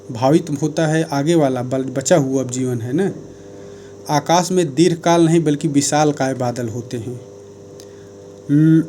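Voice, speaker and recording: A man's voice: on the high side, warm tone, slight background noise. A man giving a grammar lesson, working through sentences one by one and correcting each. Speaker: teacher.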